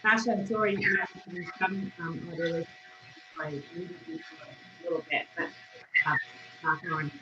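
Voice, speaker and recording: A woman's voice: fairly low pitch, unhurried, music in the background. A woman hosting an online panel interview, asking questions hesitantly with fillers as her call audio cuts out and glitches. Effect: cutting-out glitchy call audio. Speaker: host. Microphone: video call. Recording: echoey lo-fi noisy call line.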